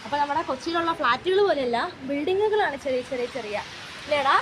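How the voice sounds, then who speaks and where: A woman with a high, lively, quick voice chats casually with her viewers, calling them "guys" and exclaiming often. She's a travel vlogger filming on her phone, first on a rooftop terrace under hot sun and then inside. The recording has loud background noise.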